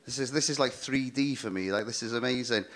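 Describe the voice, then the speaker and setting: Bright, forceful male comedian. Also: mid-range voice, a little fast. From Cardiff, Wales. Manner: chatty, self-deprecating. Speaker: stand-up comedian. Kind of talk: stand-up comedy. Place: stage. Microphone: handheld microphone.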